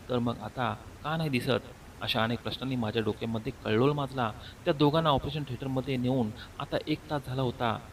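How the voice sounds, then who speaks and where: A man narrating a first-person horror story in a steady, unhurried way. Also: mid-range voice. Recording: slightly distant mic, faint background noise.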